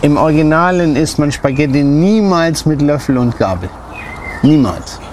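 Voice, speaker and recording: A man's voice: on the high side, animated, normal speed, darkish tone, a little hiss or hum. A man who works as a chef, talking casually about cooking traditions and recipes, earnest, with many fillers. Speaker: chef guest.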